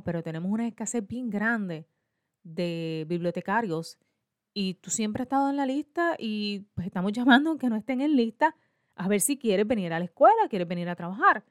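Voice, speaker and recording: A Puerto Rican woman in her forties, a school librarian, tells her own story to an audience in a medium-pitched voice with a Puerto Rican Spanish accent. She's lively, acting out both sides of her conversations, and the recording is dry with clean studio sound.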